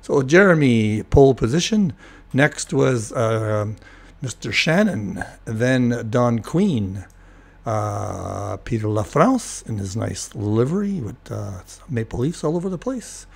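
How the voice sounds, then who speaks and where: An older man commentating a racing replay at an everyday mid pitch, his slightly hoarse voice cracking now and then as he clears his throat. He talks loosely and rambles, with plenty of ums and restarts. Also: takes it slowly. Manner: relaxed, rambling, many fillers and restarts. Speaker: host of a sim racing replay show. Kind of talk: casual race replay commentary.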